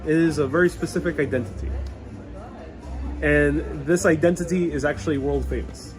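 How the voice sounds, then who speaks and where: A man's voice: a little high, steady tone, moderate pace. A man born in Puerto Rico and raised in New York, a travel vlogger chatting casually on a live stream as he reads out viewer comments and riffs on them. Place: outdoors in a European old town. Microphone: wireless clip-on mic. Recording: clear salsa music behind the voice. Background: salsa music playing nearby.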